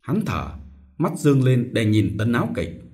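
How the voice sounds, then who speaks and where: A man narrating a novel as an audiobook, in an expressive storytelling manner. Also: mid-range voice, moderate pace.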